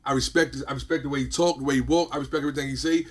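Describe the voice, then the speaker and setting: A man's voice: mid-range voice, fairly even intonation, very fast. A man, a podcast host chatting casually and emphatically, often repeating "you feel what I'm saying". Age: 40s. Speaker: podcast host and business owner.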